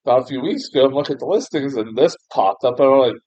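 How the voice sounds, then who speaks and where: Rapid-fire and dark in tone, this mid-range male voice belongs to a young American, English his first language, who reviews a film in a loose, self-deprecating ramble. He restarts often, uses plenty of fillers, laughs a lot, and swears mildly; the recording is dry, dull, and muffled.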